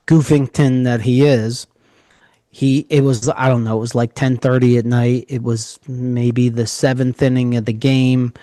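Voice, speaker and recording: A man with a New York area accent, co-hosting a casual podcast and telling stories in an animated, joking way. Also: mid-range voice, no room sound. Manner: animated storyteller, jokey. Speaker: podcast co-host.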